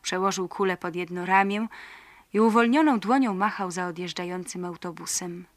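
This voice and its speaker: A woman's voice: on the low side, moderate pace, no room sound. A woman reading literary prose aloud expressively, lifting her voice for the characters' lines. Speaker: reader of prose.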